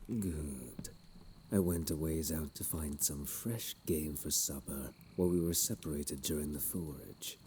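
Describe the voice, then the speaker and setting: A man playing a sinister, courteous plague doctor in a fantasy audio role-play, with a low, unhurried voice and archaic, doting yet menacing speech. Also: darkish tone, a little hiss or hum. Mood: calm, hospitable.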